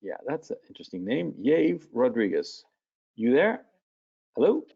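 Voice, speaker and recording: A man's voice: medium pitch, huge pitch swings, moderate pace, gravelly, slightly rough, dull audio. A man hosting a live webinar Q&A as a coach, talking bluntly and casually and swearing freely.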